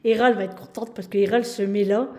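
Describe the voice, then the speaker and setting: A woman's voice: medium pitch, fairly even intonation, very fast, a little mellow. A French woman chatting casually to her viewers in a home vlog, talking to them as friends. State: out of breath. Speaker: vlogger.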